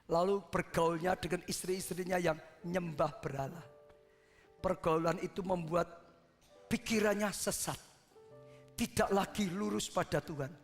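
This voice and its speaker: High-voiced impassioned male preacher. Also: fairly even intonation, unhurried, in a large hall, soft background music. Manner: impassioned preaching, swinging from loud peaks to hushed asides. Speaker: pastor. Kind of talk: sermon.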